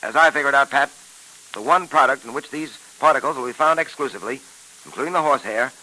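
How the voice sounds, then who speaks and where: A man playing a calm, clever police detective on an old radio show, explaining things patiently and with self-assurance. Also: medium pitch, fast talker, poor audio. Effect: old radio show broadcast. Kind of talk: 1940s radio acting.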